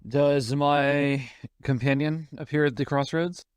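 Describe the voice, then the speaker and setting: A man's voice: on the high side, fairly even intonation, slow pace, clear, resonant tone, no echo. A man playing in a tabletop game, talking through his character's plans in casual speech. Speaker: player.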